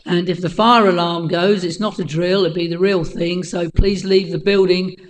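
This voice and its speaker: Croaky-voiced woman chairing a meeting. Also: lowish voice, fairly even intonation, moderate pace, low-quality recording. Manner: polite, procedural, reads out names and rules. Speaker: planning committee chair. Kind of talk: formal meeting procedure. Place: council chamber.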